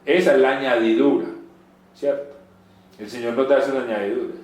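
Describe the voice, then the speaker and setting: A man preaching a sermon, animated, swinging between loud rhetorical questions and soft asides. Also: mid-range voice, brisk. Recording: very echoey room.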